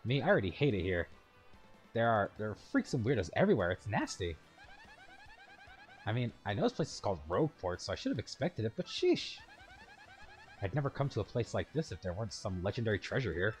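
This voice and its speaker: A man's voice: lowish voice, sing-song, brisk, pauses often. Guy reading a sassy goomba college girl from a game, chatty and sarcastic, faint game music. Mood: snarky. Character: perky young female goomba student, snarky.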